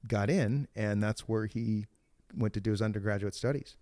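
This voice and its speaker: A man's voice: on the low side, moderate pace, mellow. A man in his fifties, born in Greece and raised in Cincinnati, telling his life story as a podcast guest, rambling with many restarts. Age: 50s. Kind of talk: casual storytelling interview.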